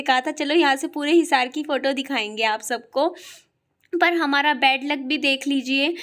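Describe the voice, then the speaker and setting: A woman from Haryana with a high-pitched voice and a sore throat, chatting casually to her viewers in a family vlog, quick and full of fillers. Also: a bit bright. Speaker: family vlogger.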